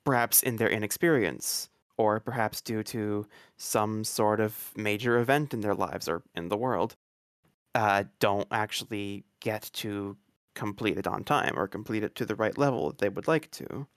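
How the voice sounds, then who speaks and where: Lowish smooth guy, dry mic, thoughtful gaming chat. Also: moderate pace, dry recording. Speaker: podcast panelist, game reviewer. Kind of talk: casual chat.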